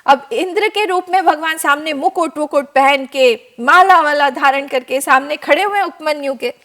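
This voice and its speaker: A woman spiritual teacher giving a devotional discourse on a TV program, her high voice carrying the story with lively warmth. She tells it as an animated storyteller who slips into the characters. The sound is clean studio audio. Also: moderate pace. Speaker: spiritual teacher, guest expert.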